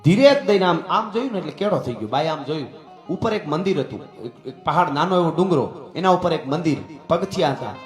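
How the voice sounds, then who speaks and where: A man's voice: on the high side, expressive, fairly quick. A man with a Kathiawadi Gujarati accent telling a folk tale on stage in a dramatic, rousing way, often turning to his listeners. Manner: dramatic, rousing delivery with asides to friends. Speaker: folk storyteller. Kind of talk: dayro folk storytelling on stage. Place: stage at a live gathering. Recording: echoey hall with faint music.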